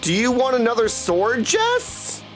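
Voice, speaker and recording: His voice is very high-pitched, swooping wildly in pitch at a measured pace, and the recording is rough with music behind it. He's a voice actor and audiobook narrator casually chatting with viewers while hosting a game livestream, hopping between replies and catchphrases.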